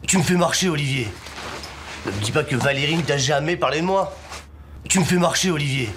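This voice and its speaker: A man's voice: fairly high pitch, brisk, fairly bright tone, husky. An actor playing a cheerful, overfamiliar man who barges in uninvited, in film dialogue. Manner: breezy and overfamiliar.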